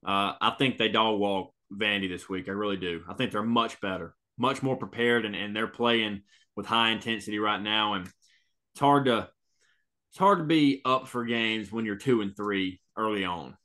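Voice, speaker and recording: A man's voice: on the low side, moderate pace, pushed and bright. A man co-hosting a college football podcast, talking emphatically and repeating himself. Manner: emphatic, repeats words, says "man" often. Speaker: podcast co-host. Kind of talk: casual sports talk.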